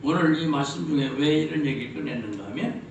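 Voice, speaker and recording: High-voiced pastor in echoey hall. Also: male voice, fast talker, creaky, noisy background. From Chungcheong, Korea. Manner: jokey storytelling, rhetorical questions. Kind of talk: sermon. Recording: very echoey hall, mic at a distance.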